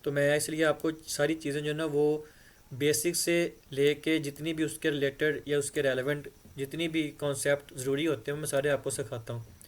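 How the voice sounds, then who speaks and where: A man's voice: fairly high pitch, level tone, moderate pace. Patient male grammar teacher at a board. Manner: patient, repeats "ठीक है" often. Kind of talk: explanatory board lesson.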